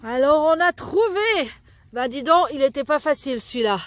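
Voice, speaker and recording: A woman's voice: high-pitched, animated, normal speed. A woman commenting casually at home during a family treasure hunt, chatty and self-mocking. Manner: chatty, laughs at herself.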